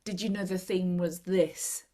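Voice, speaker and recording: On a laptop video call, a club member offers tips in a casual chat. Her voice is lowish, steady and warm, with a measured pace, and she laughs often while acting out little quotes.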